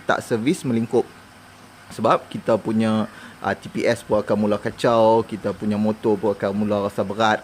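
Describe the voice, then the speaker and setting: A man's voice: mid-range voice, darkish tone, slight background noise. A man with a Kedah Malay accent giving a casual, colloquial hands-on review of motorcycle parts, explaining step by step.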